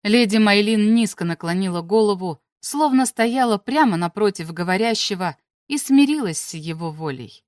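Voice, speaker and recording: A woman reading an audiobook aloud in a steady, expressive storytelling manner. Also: mid-range voice, normal speed, hardly any pauses, no echo, clean studio sound. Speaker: audiobook narrator. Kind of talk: scripted narration.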